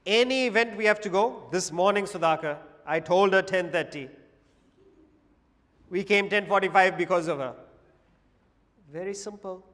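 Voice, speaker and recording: A man giving a public talk on Vedanta philosophy to an audience, measured and paced with pauses and humorous asides. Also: sits high, a bit bright, long reverb tail.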